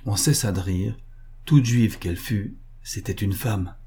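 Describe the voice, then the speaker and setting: A man reading a literary short story aloud in a measured, even storytelling manner. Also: on the low side, breathy edge. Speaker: audiobook narrator. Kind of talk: scripted literary narration.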